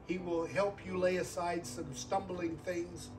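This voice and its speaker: A guest preacher in his sixties gives a sermon with an altar call at a live service, his high voice earnest and fairly even in intonation, a little slow. He circles back over phrases to drive them home and calls for amens. He sounds somewhat far from the mic, with music clearly audible behind him.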